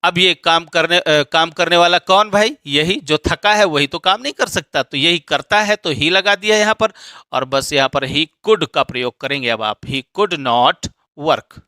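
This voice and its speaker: A man's voice: on the high side, normal speed, sharp tone, smooth, no room sound. A man teaching English grammar, explaining step by step and checking often that students follow.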